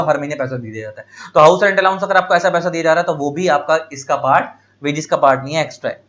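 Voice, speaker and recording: A man's voice: a little high, a bit bright. A man teaching law, explaining terms through everyday examples and often repeating the main point. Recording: dull lo-fi audio.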